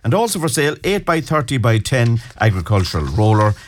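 Irish radio man with mid-pitched voice. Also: very animated, a little fast, slight background noise. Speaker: radio presenter. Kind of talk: scripted radio bulletin reading.

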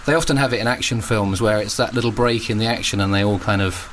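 A man's voice: fairly low pitch, quick pace, a bit bright, a little hiss or hum. A man chatting casually as a guest in a radio studio interview. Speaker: guest, comedy writer.

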